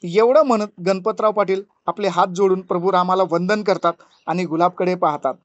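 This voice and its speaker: A man narrating a horror story in a lively, dramatic storytelling manner. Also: high-pitched, a little fast, dry recording, highs cut off.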